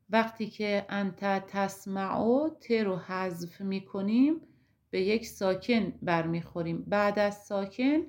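A woman with a Persian accent, teaching an Arabic grammar lesson slowly and step by step. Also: mid-range voice, darkish tone. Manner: slow, deliberate, explaining step by step.

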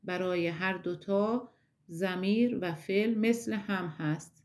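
A woman teacher giving a recorded lesson, explaining step by step and slowly drawing out example words. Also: mid-range voice, steady tone. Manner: slow, careful explanation that stretches out example words.

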